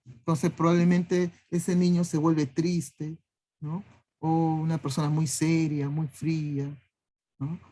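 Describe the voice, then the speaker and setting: Teacher lecturing with a "¿no?" after each phrase. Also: male voice, fairly high pitch, flat delivery, slow, dark tone. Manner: tags nearly every phrase with a questioning "¿no?"; lists traits one word at a time. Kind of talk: classroom lecture.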